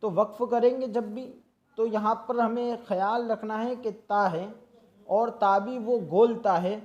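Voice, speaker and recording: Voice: mid-range voice, fairly even intonation, measured pace, a little mellow, lo-fi sound. A Quran reading teacher giving a tajweed lesson, patiently explaining and drawing out syllables to demonstrate correct recitation.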